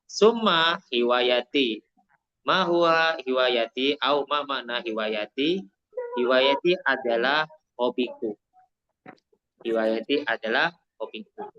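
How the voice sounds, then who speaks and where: An Indonesian man with a Javanese accent teaches Arabic online in a mid-range, expressive voice with a sharp edge. He switches between Arabic and Indonesian and slowly repeats points to explain them. The recording sounds muffled.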